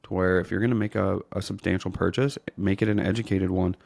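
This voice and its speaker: A man's voice: low voice, steady tone, fast, vocal fry, a little mellow, no room sound, studio quality. A male podcast host chatting casually, blunt and frank, who swears in passing.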